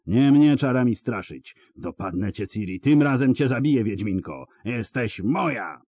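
A man's voice: medium pitch, lively intonation, normal speed, mellow, husky, dry recording, highs cut off, voice pushed up. A man voicing a brutal, gloating middle-aged male bounty hunter who roars taunts in an audiobook reading. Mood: furious threat. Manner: roaring, taunting.

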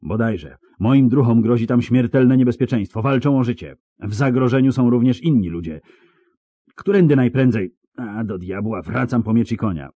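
A man voicing a tough male monster hunter who speaks urgently and forcefully. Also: mid-range voice, normal speed, slightly rough, dry recording, lo-fi sound, voice pushed up, natural voice.

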